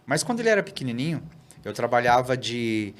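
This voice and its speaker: A man, a pastor guesting on a podcast, telling a story in an animated way and often tagging "né?" and "cara". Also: medium pitch, fairly quick, a little hiss or hum. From Brazil. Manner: animated, tags sentences with "né?" and "cara". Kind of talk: casual storytelling in a podcast interview.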